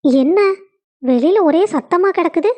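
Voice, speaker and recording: A woman's voice: extremely high pitch, animated, unhurried, a little mellow. A woman voicing a stern middle-aged mother who scolds, with a Kongu Tamil accent. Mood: scolding.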